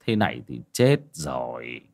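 A man voicing a terrified grandfather who speaks low and falters. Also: big pitch swings, measured pace, gravelly, a little mellow, full character voice. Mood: fearful. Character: shaken grandfather, pale and terrified.

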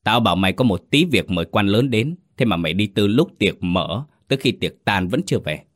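A furious old landlord in a storybook tale, barking and sputtering at his servant. A man puts him on with a low voice that runs quick and rises sharply as he scolds. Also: lively intonation, dry recording, clean studio sound. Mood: scolding. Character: angry old male village landlord.

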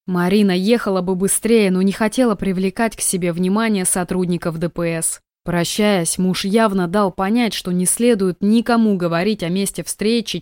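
Woman audiobook narrator, mid pitch, dry close studio sound. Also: a little mellow, no room sound.

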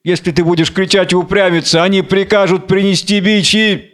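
A man voicing a fawning jailer who fusses and flatters his masters. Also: sits high, fairly quick, voice pushed up. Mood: fussing. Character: fawning old male jailer.

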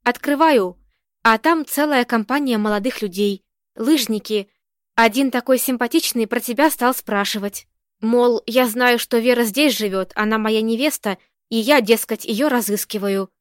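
A woman with a natural, fairly high voice reads the part of a fussy, talkative old landlady at a moderate pace, chattering and fretting. The recording is dry and close-sounding.

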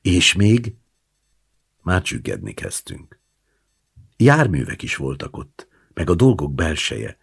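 A man reading a literary short story aloud in a measured, hushed way, at times dropping to a whisper. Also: deep voice, wildly swooping pitch, vocal fry, slightly rough. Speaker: audiobook reader.

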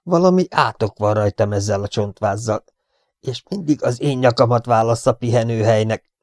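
A man voicing an angry, scheming gentleman villain in an audiobook, snapping with contempt at his servant. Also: medium pitch, no echo, clean studio sound, lightly acted. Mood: irritated.

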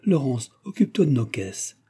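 A man's voice: medium pitch, big pitch swings, moderate pace, dark tone, husky, full character voice. A man voicing a voluble, gushing Parisian lady cousin in a storybook reading. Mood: effusive. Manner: voluble, exclaiming.

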